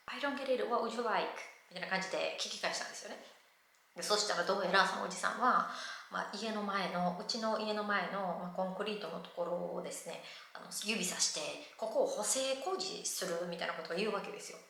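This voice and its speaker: Woman vlogger, Kansai accent, animated storyteller who acts out her story, clear bright tone, heavy room echo. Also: mid-range voice, fast talker. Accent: Kansai Japanese. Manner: lively retelling that acts out the people in her story. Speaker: vlogger living abroad. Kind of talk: casual storytelling to camera. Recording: very echoey room.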